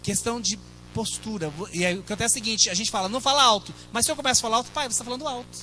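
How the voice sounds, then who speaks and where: Brazilian pastor, man, middle-aged; high and bright, chatty sermon with asides to the flock. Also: racing, slight background noise, low-quality recording. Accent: Brazilian Portuguese. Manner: conversational preaching with asides to the congregation.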